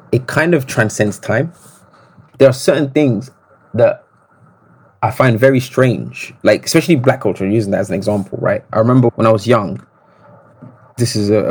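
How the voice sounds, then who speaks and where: A man, telling stories as a podcast guest in an animated, reflective way. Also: on the low side, husky. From Congo. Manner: reflective, animated storytelling with restarts. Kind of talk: casual interview conversation.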